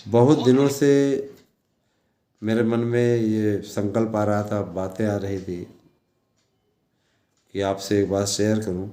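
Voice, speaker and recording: A man's voice: lowish voice, fairly even intonation, slow, pauses often, mellow. A man talking informally to his followers as a teacher and presenter, exhorting them repetitively with frequent check-in tags. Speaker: teacher and online news presenter. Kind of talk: informal monologue addressed to followers. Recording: echoey room sound.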